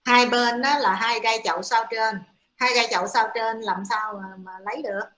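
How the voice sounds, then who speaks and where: A woman lecturing to a class, explaining slowly with frequent hesitant fillers. Her voice sits a little high and sounds bright and sharp. The room around her is echoey. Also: fairly even intonation.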